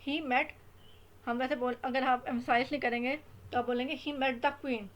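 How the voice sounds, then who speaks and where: Young woman english teacher, high voice, slow careful explaining, repeats example phrases with stress. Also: steady tone. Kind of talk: explaining grammar in a mix of Hindi-Urdu and English.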